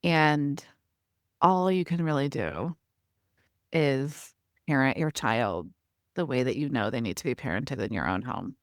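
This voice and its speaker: A middle-aged woman, a parenting expert guest, talking in a conversational interview and acting out little parent-child exchanges with animated quoted asides. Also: a bass voice, a little slow, long pauses, dry recording, studio quality.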